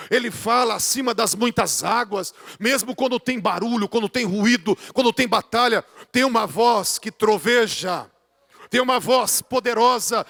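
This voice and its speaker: A male pastor preaches an earnest, emphatic sermon. His voice sits high, and his delivery rises and falls. A long reverb trails each phrase, as in a big hall. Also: fairly bright tone. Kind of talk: sermon teaching.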